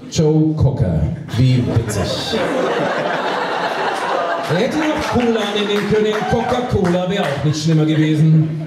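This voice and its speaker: A poetry slam performer delivers a humorous spoken-word piece on a small club stage before a live audience, deadpan, with theatrical pauses and emphasis, in a high-sitting male voice. His stand microphone is picked up by a distant camera in a very echoey hall, with audience and background noise.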